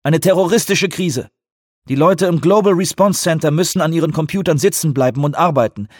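A man's voice: a little high, fairly quick, darkish tone, no room sound, studio quality, voice pushed up, natural voice. A man voicing a stubborn, dutiful male counterterrorism chief in an audiobook, firm and insistent.

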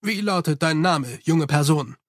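A man voicing a cold commanding male official in an audiobook, curt and flat with a dry close sound. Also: fairly high pitch, unhurried, dry recording.

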